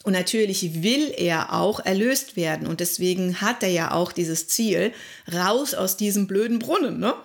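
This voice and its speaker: A woman talking casually about fairy tales, conversational and lively. She slips into quoted voices as she goes, in a mid-pitched, ordinary speaking voice. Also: moderate pace. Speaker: presenter discussing fairy tales. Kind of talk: casual commentary.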